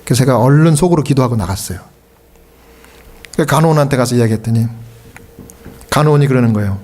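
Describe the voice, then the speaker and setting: A man's voice: medium pitch, fast talker, darkish tone. A man speaking Korean, a pastor and hospice chaplain, telling a story in a conversational sermon and acting out the lines of the people in it. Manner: conversational, acts out quoted dialogue. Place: church sanctuary.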